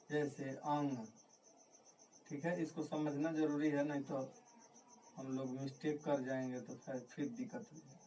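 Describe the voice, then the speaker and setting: Fairly high in pitch but darkish in tone, a man gives a grammar lesson in which he keeps repeating key words and answers his own questions. The recording comes from a distant mic, with faint noise behind him.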